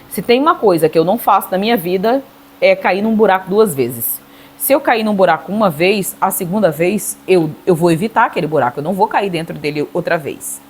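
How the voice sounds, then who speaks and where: Her voice is medium-pitched and slightly rough as this middle-aged Brazilian woman walks viewers through decorating a cake. The tutorial is casual and chatty, sprinkled with small tag questions to check in with them.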